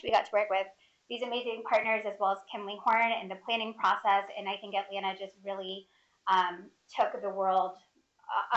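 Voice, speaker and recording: A woman's voice: medium pitch, fairly bright tone. A woman introducing herself on a conference panel as a sports council director, upbeat and chatty, a little short of breath. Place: conference room. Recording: dull lo-fi room audio.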